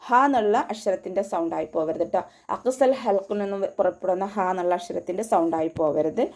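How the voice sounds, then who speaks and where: Woman teaching recitation, mellow voice. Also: lowish voice. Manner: patient step-by-step instruction with slow chanted recitation. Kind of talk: online recitation class with sung recitation.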